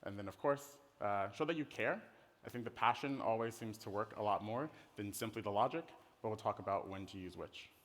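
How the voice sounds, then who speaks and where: Fairly low-pitched and brisk, the middle-aged design director from the Netherlands speaks with an American accent. He keeps his presentation on the hall's conference stage informal, casual, conversational and playful. Reverb from the hall is audible.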